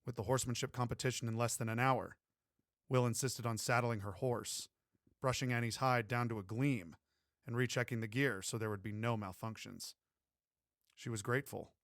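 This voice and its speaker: A man narrating a romance audiobook in a steady, even storytelling way. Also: medium pitch, normal speed, no room sound, clean studio sound. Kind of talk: scripted narration.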